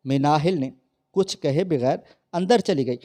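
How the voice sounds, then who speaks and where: A man's voice: on the high side, measured pace, dark tone. A man narrating a sad moral story with emotive, mournful delivery.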